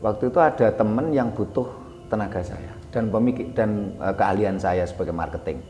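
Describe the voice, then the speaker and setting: A man talks through his memories slowly and haltingly, stopping on fillers and correcting himself. His voice sits a little low. The sound is roomy and reverberant, with faint music underneath. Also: warm tone. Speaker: guest telling his life story. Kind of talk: casual spoken memoir. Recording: echoey room with long reverb, faint music.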